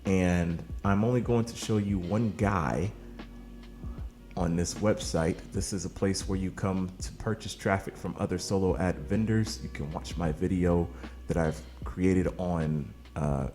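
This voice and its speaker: A man's voice: low voice, mellow. A man who hosts an online marketing channel, talking casually and pushing offers with hyped, salesy energy, tired from recording late at night. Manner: hyped, salesy, addresses viewers as "baby" and "man". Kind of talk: casual promotional talk to camera.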